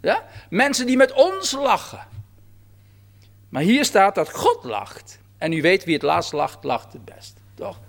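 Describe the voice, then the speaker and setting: A man preaching a sermon verse by verse, animated and acting out God's words in quotes. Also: high-pitched, a little slow, creaky. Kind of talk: sermon on a psalm.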